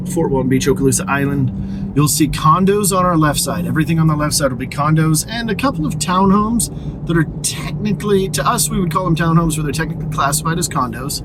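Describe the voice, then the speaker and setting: Chatty man narrating from a moving car. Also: on the high side. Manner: chatty, joking, self-deprecating asides. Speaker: real estate agent and tour guide. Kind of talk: casual driving tour narration. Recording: car road noise behind.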